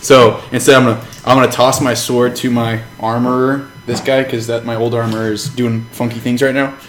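A man's voice: medium pitch, flat delivery, brisk, noisy background. A man playing a tabletop role-playing game, chatting with the group in informal, slangy language. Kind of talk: casual gaming chat. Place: room with a group of players. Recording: echoey room with chatter behind.

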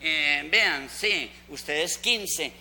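Man doing a gossipy old Antioquian woman, Antioquian accent, high voice, sharp bright tone, wry and chatty. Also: very slow, exaggerated voice. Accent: Antioquian Colombian. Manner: chatty, wry, lots of mock-quoted dialogue. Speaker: comic storyteller. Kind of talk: comic stage monologue. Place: school fair stage.

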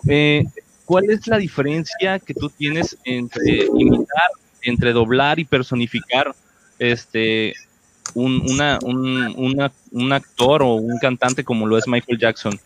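A man's voice: medium pitch, takes it slowly, a little hiss or hum, low-quality recording. A man with a Mexican accent hosting a casual talk show in a courteous, informal way. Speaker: host.

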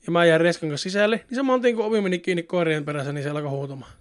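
Guy rambling away in a relaxed chat, smooth clear voice, kinda high. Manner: rambling and chatty, with many fillers. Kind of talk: casual chat.

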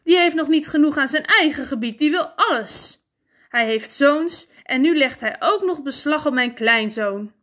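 A woman voicing a furious, suspicious old king who shouts accusations in a storybook reading. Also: high voice, lively intonation, moderate pace.

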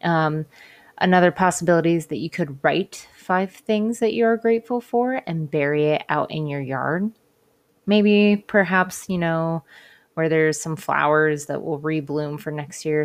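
A woman hosting a casual spiritual talk and tarot reading, speaking in a gently encouraging, hesitant, informal way. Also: sits low, a little slow. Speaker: podcast host and tarot reader. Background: cards being shuffled at times.

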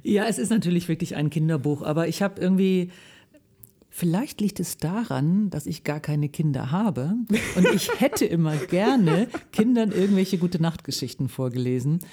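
Woman guest reader in a radio studio, warm mellow voice, lively children's-book storytelling. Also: moderate pace, slightly rough. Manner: lively storytelling with shifting pitch. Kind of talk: live reading of a children's book, then chat.

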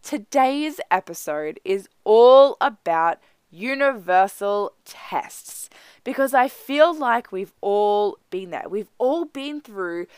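Upbeat woman host, mid-range pitch, voice nasal and husky today, dry close sound. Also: expressive, slow, a little mellow, no echo. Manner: upbeat, chatty motivational delivery. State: nasal and husky from a throat and nose complaint. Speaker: podcast host. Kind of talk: casual solo podcast talk.

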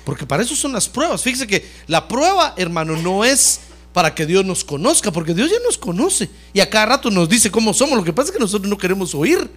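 A male pastor preaches with a high voice that swings widely up and down. He talks straight to the congregation and keeps calling his listeners brother. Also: brisk. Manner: animated preaching that repeatedly addresses listeners as brother. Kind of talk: sermon.

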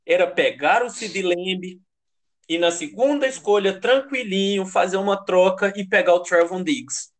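A man with a high-pitched voice and a Brazilian Portuguese accent talks sports casually and heatedly. He is slangy and emphatic, swears freely and repeats phrases to drive his point home. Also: animated, a little slow. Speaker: American football fan commentator.

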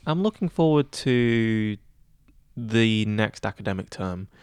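Rambling young man, smooth low voice. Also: animated, takes it slowly, darkish tone, dry recording, studio quality. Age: young adult. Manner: rambling, many fillers and restarts. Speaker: guest, student head of news. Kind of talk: casual interview chat.

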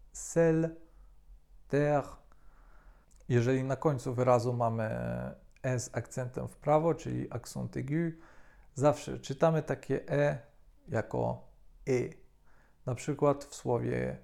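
A man calmly explaining French pronunciation as a language teacher, with frequent hesitation sounds. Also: medium pitch, vocal fry.

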